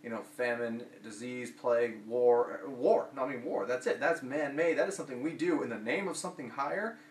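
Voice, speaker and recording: A man's voice: mid-range voice, fairly quick. A man casually reviewing a film, rambling and restarting his sentences, recorded from a distant mic in a roomy space with a faint hum. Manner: rambling, many fillers and restarts.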